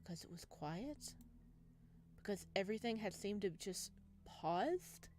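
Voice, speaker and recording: A woman's voice: mid-range voice, animated, a little slow, darkish tone. A woman let's player reading visual novel narration aloud and breaking off into casual commentary. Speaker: let's play streamer. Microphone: wearing headphones.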